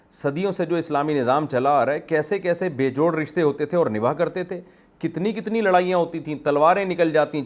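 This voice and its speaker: Male Islamic scholar, somewhat high voice, forceful repetitive lecturing. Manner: emphatic, argumentative, repeats phrases for stress. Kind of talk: religious lecture.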